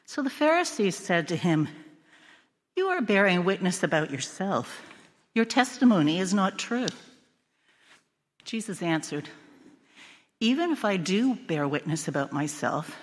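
A woman pastor reading the gospel in a steady, solemn cadence, her voice carried by cathedral echo. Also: mid-range voice. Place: church sanctuary. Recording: long reverb of a church hall.

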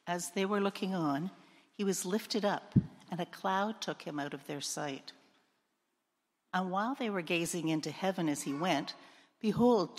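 Low-voiced woman reading in cathedral echo. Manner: measured, solemn reading aloud. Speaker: gospel reader. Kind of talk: liturgical gospel reading. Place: large church. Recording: long church hall reverb.

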